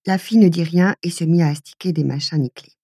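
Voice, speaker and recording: Audiobook reader: woman, low, mellow and husky, measured storytelling, dry close studio sound. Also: no echo. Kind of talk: literary audiobook narration.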